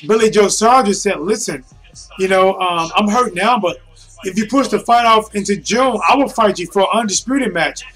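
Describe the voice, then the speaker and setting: A man's voice: high-pitched, a bit bright, poor audio. A man giving casual, off-the-cuff boxing commentary, talking colloquially and directly to his listeners as a streaming host.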